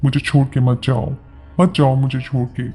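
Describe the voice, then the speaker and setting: A man's voice: medium pitch, flat delivery, normal speed, mellow, soft background music, lightly acted. A man with a Pakistani Urdu accent voicing a possessive, lovesick jinn husband who pleads with his wife not to leave. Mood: pleading. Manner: pleading, clinging.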